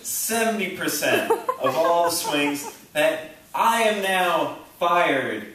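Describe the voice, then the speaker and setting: A young man doing a halting, rambling stand-up set, full of ums and self-interruptions, on a small theater stage. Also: fairly high pitch, animated, background noise. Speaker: stand-up comedian. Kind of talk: open-mic stand-up set. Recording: echoey room recording from a distant camera.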